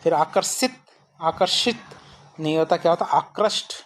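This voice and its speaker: A woman's voice: fairly low pitch, normal speed, a little hiss or hum. A woman teaching an exam-prep Hindi spelling lesson, asking questions and answering them herself over and over. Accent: Rajasthani. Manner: repetitive question-and-answer drilling.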